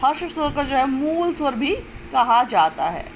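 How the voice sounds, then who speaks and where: A woman teaching a grammar lesson step by step, asking questions and answering them herself, and drawing out sounds slowly to show them. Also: sits high, sing-song, slight background noise, rough recording. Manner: explains step by step, asks and answers own questions. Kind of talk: classroom-style lesson.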